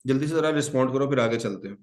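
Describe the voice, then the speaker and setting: A man's voice: medium pitch, very fast. Teacher with roomy echo, code-switching. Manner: addresses students as children, asks and answers his own questions; mixes Hindi-Urdu with English. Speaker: English grammar teacher. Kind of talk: online exam-prep lecture.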